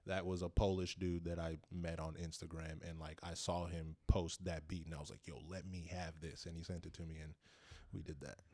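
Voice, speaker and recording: A young man, a rapper and producer, answering interview questions in a relaxed, rambling way with restarts. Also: low-pitched, a little fast, no room sound.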